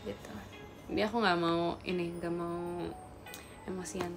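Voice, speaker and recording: A woman's voice: lowish voice, little pitch movement, measured pace, over music. A young woman chatting casually to her viewers on a livestream, rambling and talking to them directly. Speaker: idol livestreamer.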